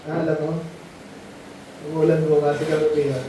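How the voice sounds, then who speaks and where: A man's voice: a little high, little pitch movement, brisk, mellow, slight background noise. A man preaching a Bible lesson to children in a conversational way, often stopping to ask them questions. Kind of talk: Bible lesson sermon in Tagalog. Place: mission meeting space. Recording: muffled, echoey room, distant mic.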